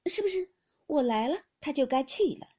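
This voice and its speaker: A woman voicing a sharp-tongued young woman who teases and needles sarcastically in a storybook reading. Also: sits high, expressive, normal speed, voice pushed up. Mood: teasing. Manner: teasing, needling.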